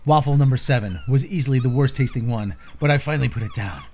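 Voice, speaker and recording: A man's voice: mid-range voice, quick pace, darkish tone, a little hiss or hum. A man giving an informal, slangy, theatrically exasperated reading of social media posts.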